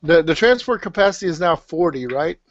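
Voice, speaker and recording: A man's voice: fairly high pitch, animated, brisk, dry recording. A man chatting casually and bluntly about his hobby on a webcast, swearing freely. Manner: blunt, profane. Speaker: webcast panelist. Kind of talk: casual hobby chat about tabletop wargaming. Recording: dull, dry webcast audio.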